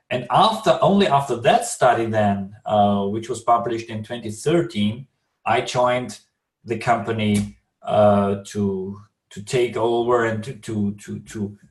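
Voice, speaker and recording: The guest on this video call interview, a clinical research director from Austria, talks in a mid-range voice with an Austrian accent. He's careful and frequently restarts, sounding far from the microphone in a roomy space.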